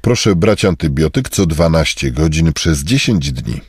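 A man reading short phrases in a measured, scripted way for a language lesson. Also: extremely low pitch, lively intonation, slightly rough, no echo, studio quality. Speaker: Polish phrase reader.

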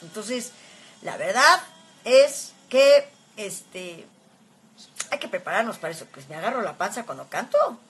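A Mexican woman in her fifties hosts a casual livestream, chatting warmly with viewers and reading out their comments, using lots of filler words. Her mid-range voice is husky and fairly bright, unhurried, with lively intonation.

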